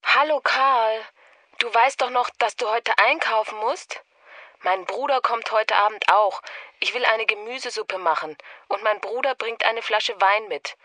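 A woman playing someone leaving a brisk, familiar, scripted phone message at home. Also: a little high, bright, forceful tone, no echo. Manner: familiar, informal.

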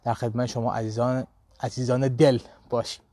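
A man's voice: mid-range voice, flat delivery, mellow, no echo, clean studio sound. A man teaching a live online language lesson, with a Persian accent in his English, talking animatedly and checking in with his students often.

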